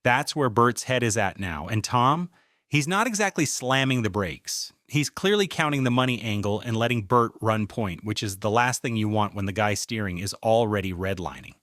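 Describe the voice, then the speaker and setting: A man's voice: fairly low pitch, expressive, normal speed, a bit bright, no room sound. A man reading scripted commentary in a dry, sarcastic tone. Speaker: commentary host.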